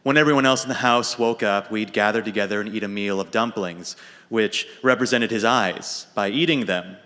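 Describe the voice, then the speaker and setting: A young American man telling a dry, deadpan comic story about himself on a radio show. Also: on the low side, moderate pace. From United States. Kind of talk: humorous personal monologue. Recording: reverberant hall.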